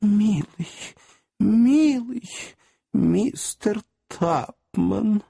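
A man voicing a hysterical middle-aged spinster aunt who lets out shrill, breathless exclamations. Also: sing-song, drawn-out words, husky, no echo, studio quality, full character voice. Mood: tender.

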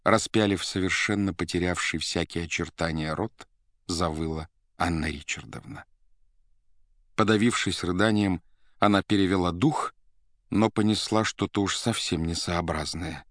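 A man with a lowish voice narrates a novel in a measured, steady manner. The recording is close and dry, with no room sound around him. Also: no echo. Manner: measured, even storytelling delivery. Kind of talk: literary audiobook narration.

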